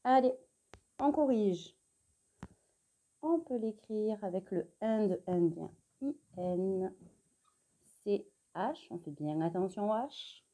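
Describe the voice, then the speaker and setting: A young adult woman teaching a remote spelling lesson to young children, dictating clearly and spelling letters one by one, encouraging the child directly. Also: medium pitch, animated, slow pace, pauses often, mellow. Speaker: primary school teacher.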